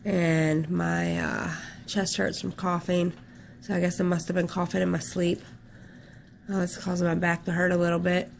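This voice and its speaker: A woman's voice: fairly low pitch, completely flat delivery, a little fast, vocal fry, slight background noise. A woman giving a casual hospital video update, stuffed up and short of breath, talking in a tired, rambling way. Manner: rambling, tired, matter-of-fact. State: stuffed up, congested nose. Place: hospital room.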